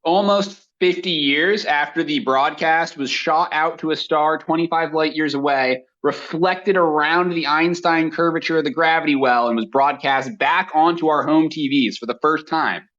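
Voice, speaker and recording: A man's voice: fairly high pitch, moderate pace, hardly any pauses, a bit bright. A man co-hosting a podcast while talking over the phone, bantering in a playful, mock-serious way. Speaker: podcast co-host. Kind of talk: casual comedic banter. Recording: muffled lo-fi phone audio.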